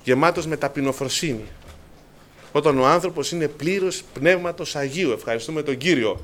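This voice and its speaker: A man preaching a sermon to his congregation, addressing them as brothers, with rising passion at the high points. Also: a bit bright.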